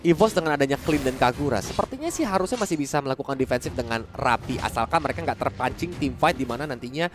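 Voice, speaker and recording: A man with an Indonesian accent calling game play-by-play like a fighting game announcer, excitable and urgent, repeating words for emphasis and mixing in English phrases. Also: medium pitch, fast talker, hardly any pauses, background noise. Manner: mixes English phrases into the talk. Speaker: esports shoutcaster.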